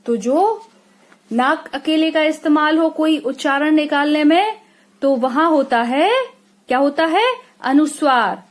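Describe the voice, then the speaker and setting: A woman's voice: sits high, measured pace. A woman from India teaching young children a lesson, stretching out sample words and checking in with a frequent "okay?". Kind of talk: classroom lesson explanation.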